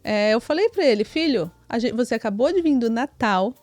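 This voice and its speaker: Brazilian woman podcast co-host, lively storyteller, slightly high voice, dry close sound, soft music under. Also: fairly quick, no echo. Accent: Brazilian Portuguese. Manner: chatty, many tag questions. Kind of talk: casual storytelling chat.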